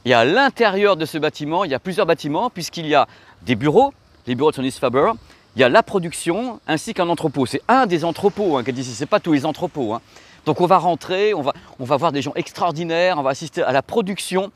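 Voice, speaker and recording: Excitable man hosting a factory tour. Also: on the high side, fast. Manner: enthusiastic, joking, exclamatory. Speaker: video host. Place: walking indoors and outdoors at a factory.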